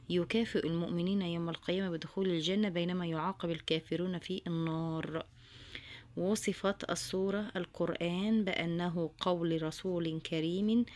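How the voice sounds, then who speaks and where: A woman's voice: lowish voice, a little hiss or hum. A woman teacher with an Egyptian accent, reading workbook answers aloud and repeating each one for her students, whom she addresses fondly. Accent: Egyptian Arabic. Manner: reads questions then answers in a dictating tone.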